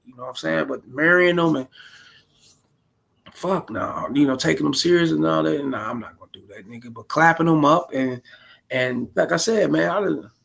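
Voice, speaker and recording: Gravelly, blunt man in his forties. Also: on the high side. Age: 40s. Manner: blunt, profane, rambling street talk. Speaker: streamer reacting to a video. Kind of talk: casual streamed commentary.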